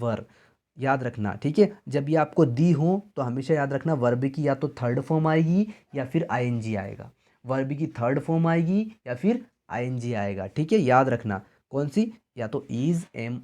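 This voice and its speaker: A man's voice: mid-range voice, dark tone. A man teaching exam grammar, who keeps asking his students questions and answering them himself. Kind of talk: exam-prep grammar lesson.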